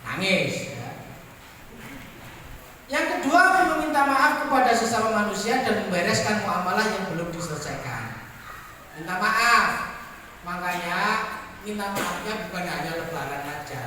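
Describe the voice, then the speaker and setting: Preacher with a Javanese accent, bright forceful voice, far off in an echoey hall. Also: mid-range voice, a little slow, long pauses, slight background noise. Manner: animated, jokes and asks the crowd for shows of hands. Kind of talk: sermon to a live audience.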